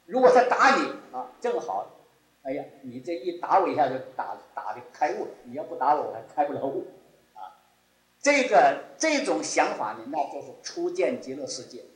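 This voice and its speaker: A man's voice: high-pitched, reverberant, rough recording. A man giving a Buddhist dharma talk, repeating key phrases as his voice rises and drops sharply. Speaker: Buddhist teacher.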